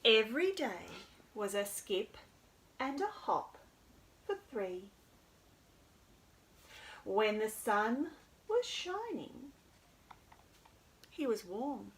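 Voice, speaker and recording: This library storytime host addresses little kids warmly, using short, simple phrases and a sing-song delivery. She has a mid-range, fairly bright voice, with slight noise in the background.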